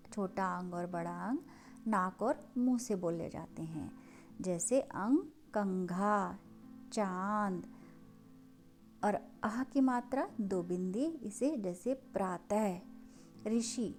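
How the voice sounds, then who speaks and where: Female teacher, unhurried, drawn-out vowels for kids, light music under. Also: mid-range voice, a little mellow. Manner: slow, drawn-out pronunciation of sounds for children. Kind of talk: children's lesson on Hindi vowel signs.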